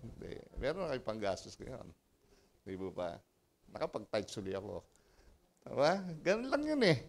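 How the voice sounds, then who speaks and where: A man with a Filipino accent, a pastor preaching a sermon and telling personal stories with lively, animated delivery. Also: mid-range voice, moderate pace, vocal fry, a little hiss or hum. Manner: animated storytelling, mixing Tagalog and English, laughing often.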